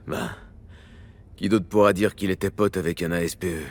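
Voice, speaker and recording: Low-voiced, laconic streetwise techie played by a man. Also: fairly even intonation, moderate pace, natural voice. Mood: disillusioned. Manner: casual, matter-of-fact. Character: laconic adult male streetwise techie mercenary, skeptical but loyal. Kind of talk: video game acting in French.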